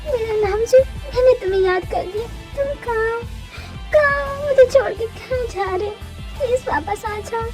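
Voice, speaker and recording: A woman's voice: very high voice, a little slow. A woman voicing a desperate young woman who begs her lover not to leave, in an amateur audio drama. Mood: longing. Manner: pleading, soft, breaking into sobs. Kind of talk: Hindi fan audio drama dub. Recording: background music under voice.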